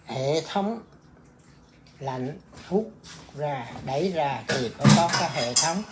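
A man who is a Buddhist monk, in casual conversation, with a Vietnamese accent, speaking haltingly with many fillers. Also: fairly high pitch, lively intonation, heavy background noise. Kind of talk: casual chat.

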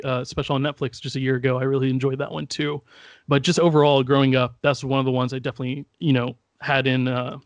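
A young man hosting a casual podcast chat from home over a headset on a video call, easygoing and quick to laugh. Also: medium pitch, no echo, highs cut off. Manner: easygoing, laughs often, bursts out in mock outrage. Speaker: podcast host running the draft. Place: home room. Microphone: headset with desk mic, video call.

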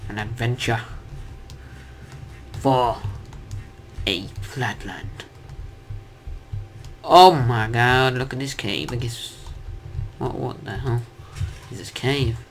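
A man's voice: medium pitch, takes it slowly, pauses often. A young man giving casual, jokey commentary on his own gameplay, chatting to himself and his viewers. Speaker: gaming commentator. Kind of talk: casual let's-play commentary.

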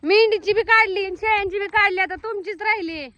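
Chatty high-voiced young village woman. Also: fairly quick, sharp tone, no room sound. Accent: rural Marathi. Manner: chatty, calls out to animals and family. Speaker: vlogger. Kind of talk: casual farm vlog. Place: outdoors on a village farm.

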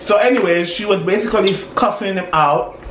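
High-voiced young man gossiping while chewing. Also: brisk. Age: young adult. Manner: chewing while talking, eating; slangy, gossipy. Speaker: mukbang host. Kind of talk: casual celebrity gossip chat. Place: indoors at a table, dark backdrop. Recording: roomy sound, faint background noise.

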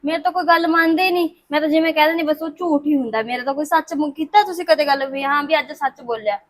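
A woman's voice: high-pitched, quick pace, lightly acted. An actress playing a hurt young married daughter who argues back with her mother. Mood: reproachful. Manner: reproachful, argumentative.

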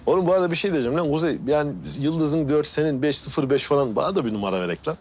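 A man's voice: a little high, very fast, a little mellow, a little hiss or hum, lightly acted. An actor playing a hungry, complaining young male sidekick in a TV drama. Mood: joking. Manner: complaining, comic. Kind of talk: TV drama dialogue. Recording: TV drama audio with music underneath.

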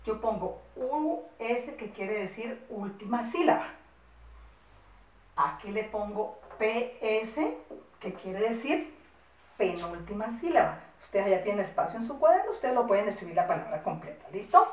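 A woman with a Colombian accent teaching a first-grade class, speaking affectionately with lots of diminutives and slowing down to dictate word by word. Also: mid-range voice, distant mic, a little hiss or hum. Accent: Colombian Spanish. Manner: affectionate, singsong teacher talk with diminutives, slow spelled-out dictation. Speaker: primary school teacher. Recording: echoey room, voice set back from the mic.

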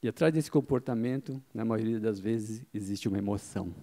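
A middle-aged man with a warm, lowish voice speaks a little fast. He gives a marketing conference talk into a handheld microphone to an audience seated in an event hall. He explains points, asks questions and answers them himself, and regularly uses the tag "tá?"

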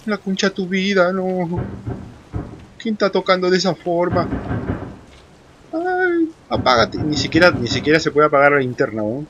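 A man's voice: sits high, fairly even intonation, brisk, lo-fi sound, noisy background. A man playing a horror game, commenting casually and swearing a lot, shrieking in panic when scared. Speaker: gamer. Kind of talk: horror let's play commentary.

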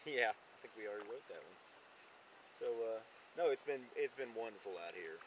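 A man's voice: fairly low pitch, expressive, fairly quick, breathy edge, rough recording. A man sitting in a kayak on a lake, bantering with dry, mock-serious humor, recorded by a camera from another boat.

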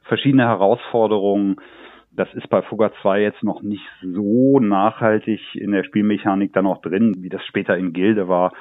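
A man's voice: fairly low pitch, steady tone, moderate pace, dry recording. A man, a game developer being interviewed, telling stories about his work with light laughs now and then. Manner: talkative, recounts anecdotes with light laughs. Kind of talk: interview answers, relaxed storytelling. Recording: dull phone-like line.

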